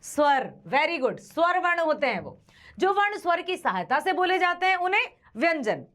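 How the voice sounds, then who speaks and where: A woman teacher giving an exam-prep grammar lesson, quizzing students and slowly repeating sounds to demonstrate them. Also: extremely high pitch, very animated, fairly bright tone.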